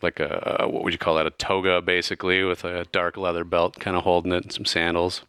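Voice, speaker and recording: Man, deep voice, crisp bright tone, casual tabletop game narration. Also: level tone, brisk, no room sound, studio quality. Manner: casual, loose, with many fillers. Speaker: game master.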